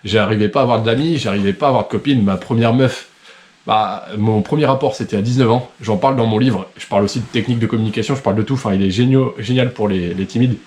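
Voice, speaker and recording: A man's voice: on the low side, quick pace, a little mellow. A man hosting a video, commenting casually and directly to viewers. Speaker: video host.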